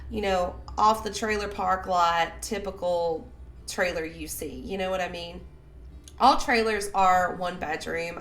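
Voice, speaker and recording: Young Southern woman, sick and raspy, low-ish voice, casual rambling commentary. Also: a bit bright, a little hiss or hum. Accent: Southern American. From Southern United States. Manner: rambling, chatty, many fillers. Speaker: game builder narrating a speed build.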